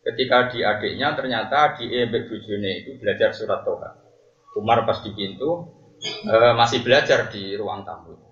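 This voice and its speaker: A man with a Javanese accent giving a religious study lecture, joking and laughing often and chanting verses slowly. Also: on the low side, a bit bright. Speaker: religious teacher. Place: large hall at a religious boarding school. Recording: dull, roomy, distant.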